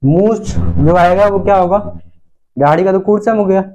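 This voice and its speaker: A man's voice: sits high, normal speed, warm tone, highs cut off, slight background noise. A male Sanskrit teacher, teaching in a classroom lecture style. He repeats words and asks questions, then answers them himself. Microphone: recorded lesson video.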